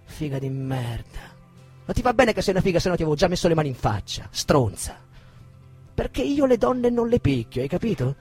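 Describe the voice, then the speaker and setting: A man reading a dramatic monologue as an abusive, aggressive man berating a woman, shifting from shouted insults to cold menace, with a husky voice. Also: a little high, sing-song, brisk, faint music behind. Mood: furious, contemptuous.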